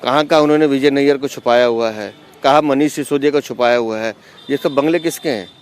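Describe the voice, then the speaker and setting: A man's voice: mid-range voice, brisk, clean tone. A man, a party leader, giving an accusatory, mocking sound bite to the press.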